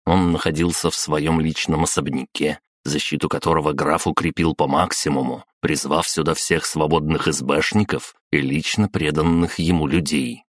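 A male narrator reading an audiobook in the first person, steady and measured. His voice is very low and deep. The recording is close and completely dry. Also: no echo.

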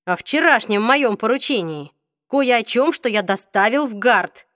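A woman's voice: fairly high pitch, expressive, measured pace, a bit bright, no room sound, studio quality. A woman doing an urgent young man.

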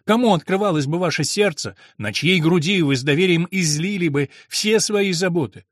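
A man voicing a passionate, brooding monk in an audiobook, speaking in a low, hushed and intense voice. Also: normal speed, dry recording, clean studio sound. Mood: hushed, probing. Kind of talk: audiobook reading.

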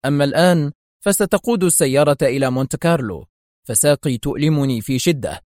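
Man doing a cool male secret agent, calm, clipped, stern, dry close voice. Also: a little high, quick pace, no room sound, close to an everyday voice.

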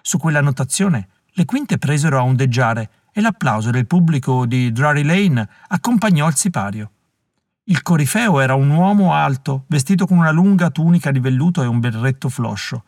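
A male audiobook narrator reading with expressive, dramatic phrasing. His voice sits somewhat high for a man and moves through a wide, animated range. The recording is close and completely dry. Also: normal speed, dry recording. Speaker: audiobook reader. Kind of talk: scripted narration.

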